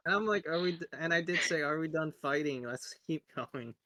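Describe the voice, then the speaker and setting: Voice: medium pitch, a little fast, crowd noise. A player in a tabletop game, chatting casually and joking. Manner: playful, joking.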